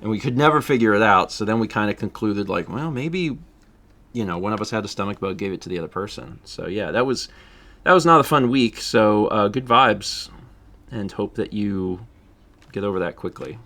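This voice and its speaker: A man's voice: on the low side, expressive, normal speed, fairly bright tone. A man chatting casually on his livestream, laughing often and reading out viewer donations. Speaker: streamer.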